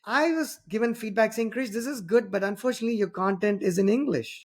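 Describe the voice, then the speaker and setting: A podcast host from Tamil Nadu in southern India, a native Tamil speaker with an Indian accent, talks fairly quickly in a high voice. In this casual interview he rambles in long, winding sentences, restarting often and filling them with "you know" and "right?" tags.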